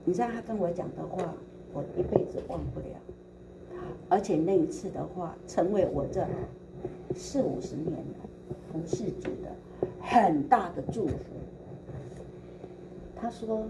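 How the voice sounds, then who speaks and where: A woman, a preacher telling her testimony in an animated way and acting out the dialogue. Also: fairly low pitch, measured pace, long pauses. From Taiwan. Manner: animated, acts out quoted dialogue, laughs often. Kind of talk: storytelling testimony sermon. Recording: recording with steady background noise.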